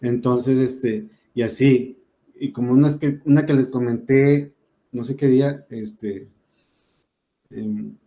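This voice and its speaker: Profesor de voz oscura explicando gramática. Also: male voice, mid-range voice, fairly even intonation, takes it slowly, dark tone. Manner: explains with examples, many "este" fillers. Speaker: teacher. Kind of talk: class lecture.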